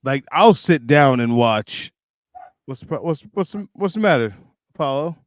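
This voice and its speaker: A blunt, animated man trades jokes and opinions in a casual chat. His pitch rises and falls freely around a middle register, and the sound is close and dry. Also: moderate pace, dry recording. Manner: animated, blunt, joking and swearing. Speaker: co-host and wrestling fan.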